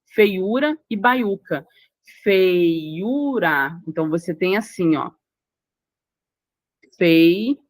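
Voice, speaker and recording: A Brazilian woman teaches grammar for exams in a patient, explanatory way, repeating example words and checking in with her listeners. Her voice sits at an ordinary pitch and is recorded close and dry, with no room sound. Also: expressive, moderate pace, hardly any pauses, dry recording. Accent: Brazilian Portuguese. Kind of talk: recorded grammar lesson for exam prep.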